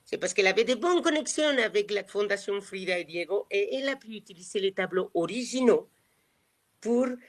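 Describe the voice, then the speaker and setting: A woman's voice: medium pitch, animated, a little fast. A woman with a Mexican Spanish accent, whose first language is Spanish, leads a live virtual tour. She talks in a chatty, meandering way, full of fillers and restarts, over a video call. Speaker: tour guide.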